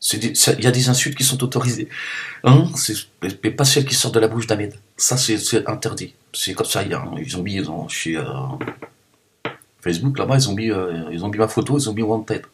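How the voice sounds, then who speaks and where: A man's voice: lowish voice, fairly quick. A man with a Parisian accent talking at home in a casual, joking, rambling vlog, with teasing asides. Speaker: vlogger. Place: home, cold room.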